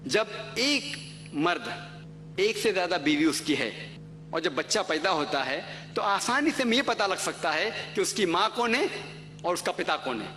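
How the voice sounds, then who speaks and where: A man's voice: high voice, big pitch swings, sharp tone, faint music behind. A man giving an explanatory religious lecture, going through points methodically and citing verses by number.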